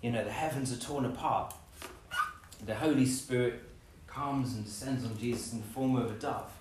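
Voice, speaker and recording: A man preaching a lively sermon, acting out scenes with playful voices. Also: medium pitch, moderate pace, noisy background. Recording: echoey room, from a distance.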